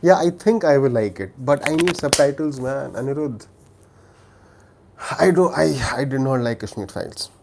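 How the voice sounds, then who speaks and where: Against a noisy background, an Indian livestream host with a Telugu accent chats expressively about film recommendations at normal speed. His voice is medium-pitched and creaky, and he often repeats words and restarts sentences.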